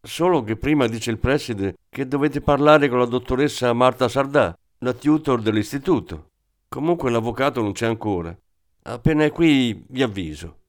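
A man's voice: mid-range voice, moderate pace, lightly acted. A man reading the lines of a chatty, amiable male school janitor in an audiobook.

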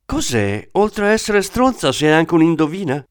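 A man's voice: a little high, big pitch swings, moderate pace, smooth, voice pushed up. A man voicing a crude, hot-tempered male thief from the Rimini area who blusters and swears. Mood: indignant. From Rimini area, Italy. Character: crude excitable small-time male thief.

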